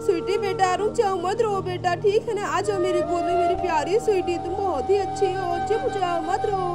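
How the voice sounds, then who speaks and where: A woman voicing a gentle aunt doll who soothes a crying child. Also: extremely high pitch, fairly even intonation, moderate pace, loud music behind the voice. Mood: coaxing. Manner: soothing, coaxing.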